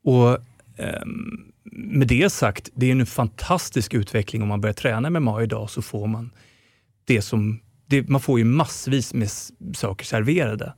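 A man's voice: medium pitch, a little mellow, no room sound, studio quality. A middle-aged man co-hosting a podcast, explaining his views at length in a casual chat, firm and full of restarts. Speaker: podcast co-host.

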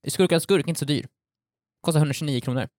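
Slightly high man arguing a point. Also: a little mellow, no echo, studio quality. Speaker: podcast co-host. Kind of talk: casual chat.

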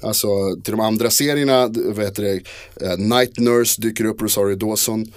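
Hesitant man, low voice, dry sound. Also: steady tone, no echo. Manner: hesitant, many fillers and restarts. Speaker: podcast co-host. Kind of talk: casual chat.

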